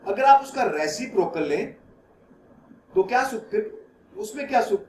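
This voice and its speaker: A man lecturing a math class, explaining each step patiently and stopping to ask if the students follow. His voice sits high. The recording has a roomy echo and a faint hiss behind it. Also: expressive, normal speed. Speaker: math teacher.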